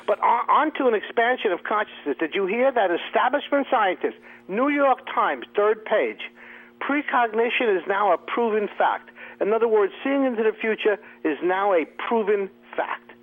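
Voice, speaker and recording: A man's voice: high-pitched, animated, normal speed. A man hosting a talk radio show, riffing sarcastically in a comic monologue and laughing at his own jokes. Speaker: radio host. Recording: tinny phone-like radio audio.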